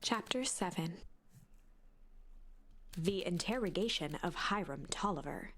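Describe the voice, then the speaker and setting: A woman's voice: fairly low pitch, expressive, unhurried, slight background noise. Woman narrating a storybook game. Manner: drops into a hushed whisper at tense moments. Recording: loud game music behind.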